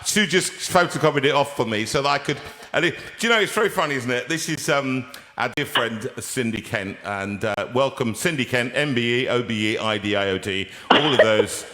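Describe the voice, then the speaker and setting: An older British man hosting a casual, chatty interview in a lively, jokey, rambling way. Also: mid-range voice, a little fast, hardly any pauses. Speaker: show host.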